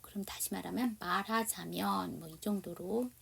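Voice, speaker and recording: A woman teaching English to Korean speakers, reading English lines slowly with a Korean accent and explaining them in Korean, often asking her listeners questions. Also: medium pitch, vocal fry, breathy edge, recorded from a distance. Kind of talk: slow explanatory language lesson.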